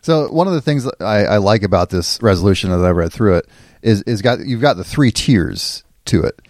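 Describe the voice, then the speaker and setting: A man's voice: on the low side, animated, fairly quick, a little mellow, no echo, studio quality. A man hosting a church podcast, talking in a casual, chatty way with frequent restarts. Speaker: podcast host.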